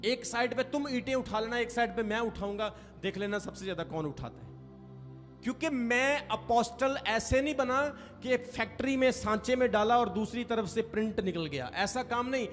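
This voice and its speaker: Faint music fills a reverberant hall as a male pastor, his voice very high and a bit bright, preaches with animation at a moderate pace. He emphasizes and elongates key phrases and asks the congregation to respond.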